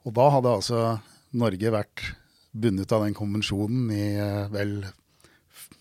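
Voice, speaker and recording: A man's voice: fairly low pitch, level tone, warm tone, no echo, studio quality. Role: wry male lawyer guest. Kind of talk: anecdotal storytelling.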